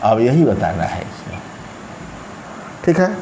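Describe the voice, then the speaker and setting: Male tutor, unhurried classroom delivery, lots of repetition, roomy sound. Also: fairly low pitch, big pitch swings, darkish tone. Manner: slow, drawn-out, repeats words while writing on a board. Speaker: English teacher. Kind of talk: grammar lesson explained in Hindi. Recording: echoey room, faint background noise.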